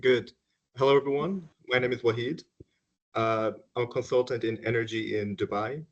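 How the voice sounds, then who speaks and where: A man from Finland, the keynote speaker, introducing himself on a video call in a relaxed, joking way. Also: mid-range voice, moderate pace. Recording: dull lo-fi call audio.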